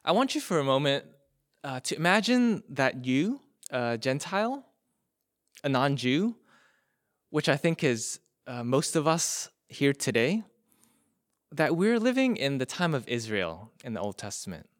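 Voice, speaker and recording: A man's voice: mid-range voice, very animated, a little slow, no echo, clean studio sound. A male preacher telling an illustration in a sermon, speaking directly to his listeners. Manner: storytelling, addressing listeners directly.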